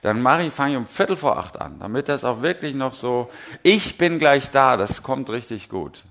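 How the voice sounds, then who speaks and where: A man's voice: medium pitch, expressive, moderate pace, gravelly, a bit bright. Self-mocking middle-aged male preacher. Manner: humorous, self-mocking storytelling with pointed questions to the congregation. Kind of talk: sermon.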